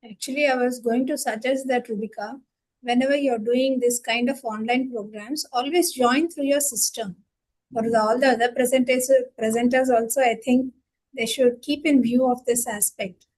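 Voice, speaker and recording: A woman organizes an online conference. Her voice sits a little high, and she talks in an instructive, admonishing way to those on the call. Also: steady tone, moderate pace, a little mellow, poor audio.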